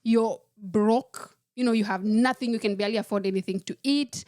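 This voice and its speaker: A woman from Kenya, a podcast guest telling her life story in a measured, reflective way. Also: medium pitch, darkish tone, no room sound, clean studio sound. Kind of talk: personal storytelling in a podcast interview.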